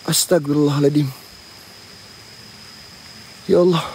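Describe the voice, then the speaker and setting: A man's voice: fairly high pitch, fairly even intonation, measured pace, a little mellow, slight background noise. A man hosting a night ghost-hunting vlog outdoors near a sacred tree, jumpy and frightened as he talks to his viewers. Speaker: paranormal explorer and host.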